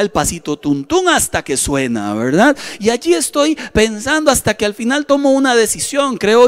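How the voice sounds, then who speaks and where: A middle-aged man with a Costa Rican accent preaching a sermon as a pastor, telling a personal story and repeating phrases for emphasis. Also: high voice. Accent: Costa Rican Spanish. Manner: storytelling, repeats phrases, acts out inner voices.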